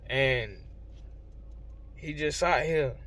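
A man's voice: a little high, extremely slow, fairly bright tone. A young man, talking in a casual, emotional, rambling vlog. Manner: emotional, heartfelt, slangy and rambling. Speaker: vlogger. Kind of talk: casual vlog talk to camera.

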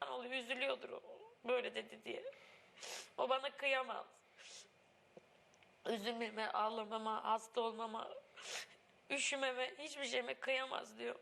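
A woman's voice: on the high side, fairly even intonation, normal speed, creaky, pauses often, a bit bright. A young woman in a reality show house, tearful and pleading as she pours out her feelings. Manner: tearful, pleading, breaks into crying laughs. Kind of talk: emotional heart-to-heart. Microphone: wireless body mic.

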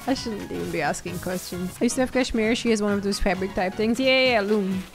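A woman's voice: medium pitch, lively intonation, a little fast, gravelly, soft background music. A woman streamer chatting with her viewers while she plays, giggling, swearing and easily distracted. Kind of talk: live-stream game commentary.

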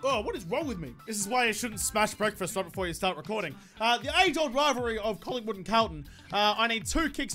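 A man's voice: sits high, sharp tone. An Australian man in his twenties giving casual, sweary gameplay commentary with exasperated, sarcastic ranting. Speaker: gaming video host.

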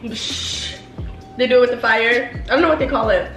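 A young woman joining a friend's eating vlog at home, relaxed, with short reactions and quick little stories. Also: on the high side, far from the mic. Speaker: guest friend. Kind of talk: casual chat while eating. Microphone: camera on small tripod. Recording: echoey room with faint music.

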